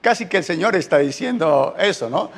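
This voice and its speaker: A man with a Colombian Spanish accent preaching a sermon, telling the story with lively acted-out voices. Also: sits high, normal speed, vocal fry, long reverb tail. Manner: animated storytelling, acting out quoted voices. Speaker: pastor.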